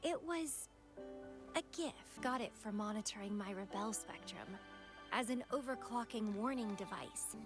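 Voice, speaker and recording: An actress performs scripted video game dialogue as a young female rival who is playful and dangerously devoted. Her mid-range voice is a little slow, teasing, languid and dramatic, breezy and confident in mood, lightly acted, with music playing behind her.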